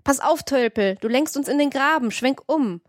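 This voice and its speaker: A woman's voice: high-pitched, moderate pace, no room sound, studio quality, pitched above the performer's own voice, lightly acted. A woman reading aloud and voicing an old, level-headed male carter who leads his crew, in an audiobook excerpt, with a commanding delivery. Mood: urgent. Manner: commanding, calm instructions.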